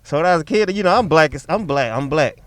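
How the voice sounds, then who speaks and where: A man's voice: fairly high pitch, animated, quick pace, no echo. A young man from Detroit, a stand-up comedian, telling loose, profane stories in a casual chat inside a car. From Detroit, Michigan.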